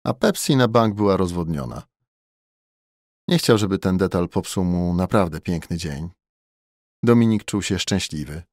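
Deep-voiced male audiobook narrator. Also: animated, normal speed, long pauses, a little mellow, no echo, clean studio sound.

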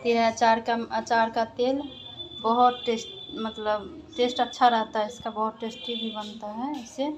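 A woman's voice: a little high, flat delivery, moderate pace. A woman, chatting casually in a home vlog, speaking into a phone held at arm's length. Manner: chatty, talks to her children between remarks. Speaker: vlogger. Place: home kitchen and bedrooms, indoors.

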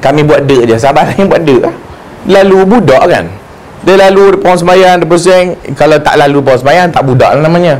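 A man giving a lively, joking religious lecture and acting out the voices he quotes. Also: a little high, fast. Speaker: religious teacher. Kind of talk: humorous mosque lecture.

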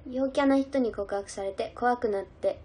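A woman's voice: a little high, normal speed, dark tone, breathy edge. A young woman idol chatting casually on a livestream, giggling as she reads out and answers viewer comments. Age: young adult.

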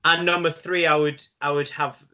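Bright, thoughtful male teacher. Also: on the high side, little pitch movement, normal speed. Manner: thoughtful, self-deprecating, repeats words as he thinks. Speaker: guest, secondary school teacher. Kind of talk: casual conversation.

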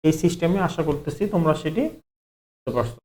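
A man's voice: fairly high pitch, lively intonation, fast, a little mellow. A man, teaching an online math lesson step by step, asking questions and then answering them himself. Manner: explains step by step, asks and answers his own questions, repeats "ঠিক আছে".

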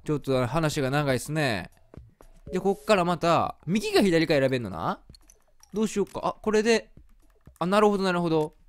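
A man with a Kansai accent giving chatty, excitable commentary while playing a video game. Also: a little high, a little fast. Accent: Kansai Japanese. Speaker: game streamer. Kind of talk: let's play commentary. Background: faint game music.

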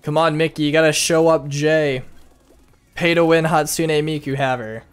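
A man's voice: on the high side, steady tone, moderate pace, smooth. A young man streaming a game, chatting playfully with his viewers, humming little tunes and reading chat aloud. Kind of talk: live gameplay commentary. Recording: faint music behind.

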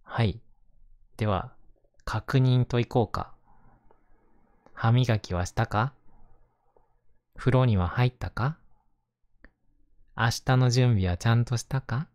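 A man with a Kansai accent talking gently and casually in a reassuring, intimate ASMR bedtime style, close to the microphone. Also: mid-range voice, takes it slowly, long pauses, no echo, muffled recording. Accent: Kansai Japanese. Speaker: host reading bedtime picture books to listener.

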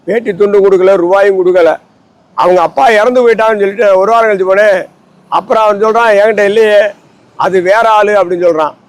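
Outdoors beneath a tree, a man from Tamil Nadu speaks as an ascetic holy man in an impassioned interview monologue, lecturing in a rambling, preachy way and circling back to his grievances. His voice sits high, and the recording is rough, with no room sound.

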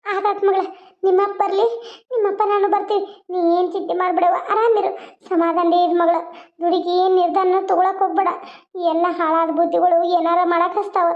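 A woman's voice: very high voice, flat delivery, fairly quick, highs cut off. A woman voicing a caring, protective village mother who comforts her daughter. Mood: soothing. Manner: comforting, pleading.

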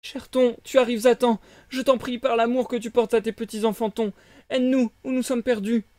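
Pantin garçon, voix d'homme, aigu, implorant, prise sèche. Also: male voice, extremely high pitch, level tone, moderate pace, darkish tone, no echo, voice pushed up. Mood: aigu, ému. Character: jeune pantin de bois, garçon naïf et ému.

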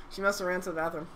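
A woman streamer giving casual live commentary while gaming, chatty, excitable and swearing freely. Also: on the low side, a little hiss or hum. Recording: game sounds clearly behind voice.

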